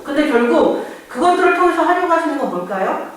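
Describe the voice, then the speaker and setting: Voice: high voice, big pitch swings, fast talker. A pastor giving a conversational sermon, acting out people's inner voices along the way. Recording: very echoey church, far mic.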